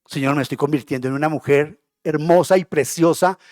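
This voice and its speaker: A vain young woman , voiced by a preacher, pleads in prayer about her sins. The voice sits fairly high in his ordinary speaking tone, dry and close. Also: brisk, darkish tone, no room sound, natural voice. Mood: pleading.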